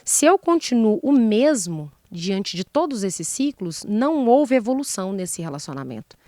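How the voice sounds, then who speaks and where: A woman's voice: mid-range voice, very animated, moderate pace, warm tone, no echo, studio quality. A woman psychologist, explaining relationship advice in an interview with rhetorical questions and acted-out example lines. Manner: didactic, acts out example dialogues, rhetorical questions. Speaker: psychologist guest.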